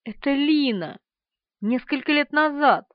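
Brief: tearful meek man servant, voiced by a woman, audiobook, very animated pitch, dry. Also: a little slow, no echo. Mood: rambling. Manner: weepy, rambling. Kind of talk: audiobook character voice. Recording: slightly dull, dry.

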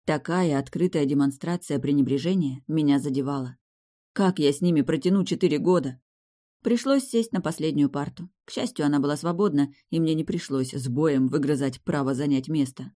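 A woman narrating a fantasy audiobook in a low, mellow voice. She reads in a steady, wry storytelling manner, with a relaxed and warm tone throughout. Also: fairly quick. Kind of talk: first-person fantasy novel reading.

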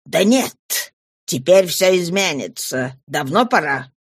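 A woman's voice: lowish voice, lively intonation, slow pace, husky, no room sound, pitched below the performer's own voice, full character voice. A woman voicing a harsh, mocking male police inspector who barks orders, in a storybook reading. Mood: scornful, commanding. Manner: barking, scornful.

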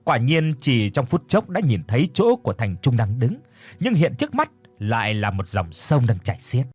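A man narrating a ghost story in a suspenseful, expressive way. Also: medium pitch, moderate pace, husky, soft background music.

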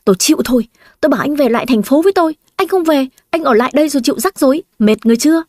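A woman storyteller voicing a steady, calm young man who took over a bakery, reasoning with people and soothing them. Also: high voice, very fast, dry recording, studio quality, pitched above the performer's own voice. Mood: exasperated.

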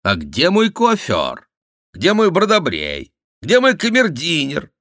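A man reading an audiobook, voicing a cheeky, theatrical court jester with a high mocking voice. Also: wildly swooping pitch, slow pace, fairly bright tone, no echo, studio quality, exaggerated voice. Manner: mocking, shrill exclamations, mimicking. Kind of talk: audiobook character voice.

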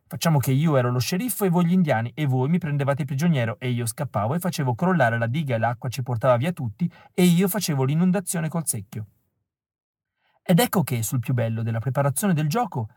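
A man reading a first-person novel aloud as an audiobook, telling it in a wry, expressive way that keeps dropping to a flat, quiet tone. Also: mid-range voice, dry recording. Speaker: audiobook reader. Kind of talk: first-person literary narration.

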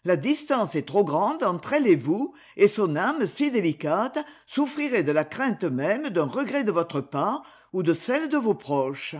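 A reader voicing a melancholy, gentle female companion in an audiobook. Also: medium pitch, very animated, a little slow, few pauses, husky.

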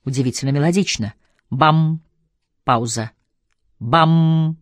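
A woman narrating a literary audiobook with a measured, expressive reading. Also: low voice, dry recording.

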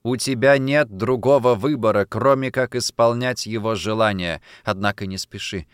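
A man voicing a frail, stern elderly mother in an audiobook, speaking slowly and wearily, as if lecturing. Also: lowish voice, smooth, no echo, studio quality, natural voice.

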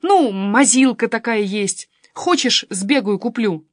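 A woman's voice: a little high, lively intonation, no echo, clean studio sound. A woman reading a story, voicing a cheeky, mocking teenage daughter. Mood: teasing. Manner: quick, teasing, pert.

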